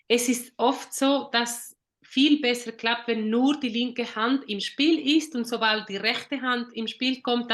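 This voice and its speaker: A woman therapist reflects on clinical experience in a casual discussion. She thinks aloud, trailing into fillers and correcting herself, in a slightly high voice. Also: fairly bright tone. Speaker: therapist in a journal club.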